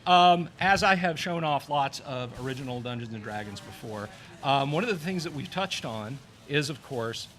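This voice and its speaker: A man's voice: mid-range voice, expressive, moderate pace, a bit bright. A man appearing as a regular podcast guest, talking casually with lots of hesitant fillers and self-deprecating jokes. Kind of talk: casual chat. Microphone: headset mic.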